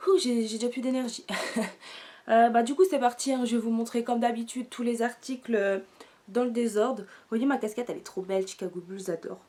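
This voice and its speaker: Brisk and fairly even in intonation, a young woman's dark-toned, higher-pitched voice carries a casual shopping haul. She's chatty and rambling, correcting herself and filling pauses constantly, while sounding winded and congested from a sore throat.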